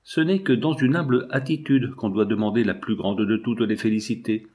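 A devoted young woman from a classic novel begs her parents with fervent, imploring words, as a man reads her in his own lowish voice. The tone stays earnest and heartfelt. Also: normal speed, a little mellow, natural voice. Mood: pleading.

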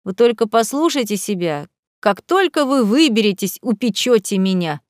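A woman reading an audiobook, voicing a cold, contemptuous middle-aged male butler who speaks slowly and wearily. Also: mid-range voice, animated, dry recording, studio quality, lightly acted. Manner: slow, contemptuous, weary.

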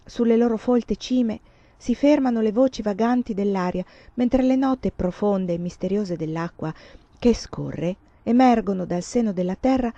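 A woman reads a classic novel aloud in a measured, expressive way. Her tone is mellow and dark, and the recording is dry and slightly dull. It sounds close and unadorned. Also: medium pitch, no room sound. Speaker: audiobook reader. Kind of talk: literary audiobook narration.

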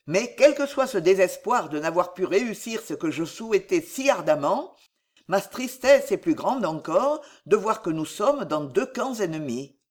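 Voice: mid-range voice, big pitch swings, moderate pace. A reader voicing an earnest young knight pleading with his father, fervent and grieving. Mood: sorrowful. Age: young adult. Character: young male knight, earnest and tormented son. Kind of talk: audiobook reading.

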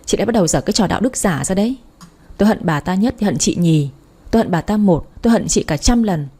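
A woman's voice: mid-range voice, animated, fast, dark tone, slightly rough. A woman reading an audiobook, voicing a spiteful, hysterical young woman hurling bitter accusations.

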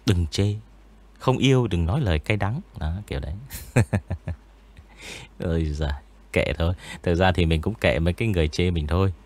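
A man's voice: low-pitched, normal speed, pauses often. A man who narrates ghost stories, chatting casually in an interview with many fillers. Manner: relaxed, rambling, many fillers.

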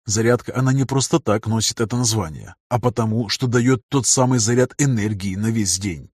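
A man narrating a first-person fantasy audiobook in a measured, even reading. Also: fairly low pitch, husky, no room sound, clean studio sound.

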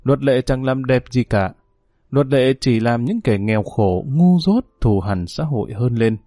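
A man giving a measured, emotive scripted narration of a novel. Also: mid-range voice, warm tone, dry recording, clean studio sound.

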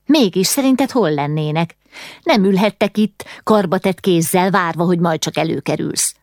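A woman's voice: on the low side, sing-song, darkish tone, dry recording, clean studio sound. A woman reading an audiobook, voicing a cheeky, outspoken little girl who scolds and mocks. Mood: scolding. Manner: mocking, scolding. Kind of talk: audiobook character voice.

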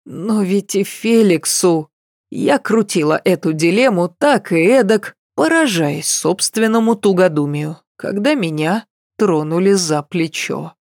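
A woman narrating a first-person novel in an unhurried, even storytelling manner. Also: on the low side, no room sound, studio quality. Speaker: audiobook narrator.

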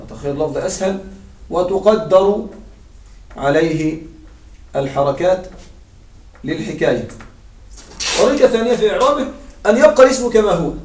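A man's voice: high voice, lively intonation, moderate pace, pauses often. A man teaching a grammar lesson in a classroom, explaining step by step and often checking that his students follow. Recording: echoey room, mic far off.

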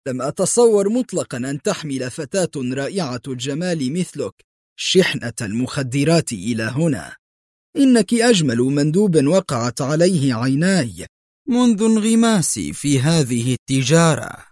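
Reader plays a wary male crime boss for an audiobook: guarded, tense, lively, dry. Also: on the high side, normal speed, no echo. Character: wary, angry male drug-gang boss.

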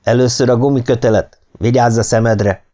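A man's voice: medium pitch, steady tone, dark tone, natural voice. A man voicing a scheming middle-aged kidnapper who taunts his captives. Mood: bossy. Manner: sneering, taunting.

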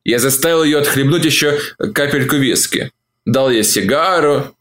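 A man reading a novel aloud as an audiobook, narrating in the first person at a measured, calm pace. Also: mid-range voice.

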